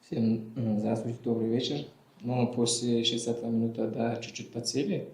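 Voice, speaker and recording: A man's voice: medium pitch, fairly even intonation, moderate pace, darkish tone. A man speaking as a football player at a post-match press conference, giving short, plain, informal answers. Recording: roomy echo.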